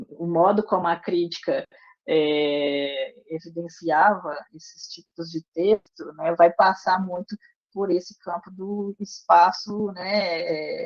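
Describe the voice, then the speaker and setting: A woman teaching a literature class online, explaining step by step and often adding quick tag questions. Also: on the low side, darkish tone. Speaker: literature lecturer. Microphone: wireless earbuds on a video call. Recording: dull lo-fi online call audio.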